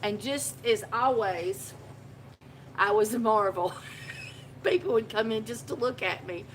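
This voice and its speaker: This woman speaks at a medium pitch and a measured pace, chatting casually on a phone live stream from her shop. She tells a meandering story, laughing frequently, over poor audio with a little hiss or hum.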